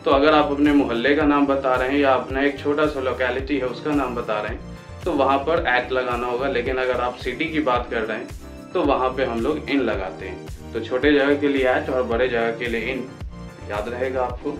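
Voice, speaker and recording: A young man in his twenties from Patna teaches spoken English, breaking off to say each example sentence slowly and carefully. His voice sits at an ordinary middle pitch and rings around a reverberant room, with soft music playing underneath. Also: steady tone. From Patna, India. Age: 20s. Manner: slows right down to spell out English example sentences. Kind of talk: Hindi-language lesson on English phrases. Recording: echoey room with faint music.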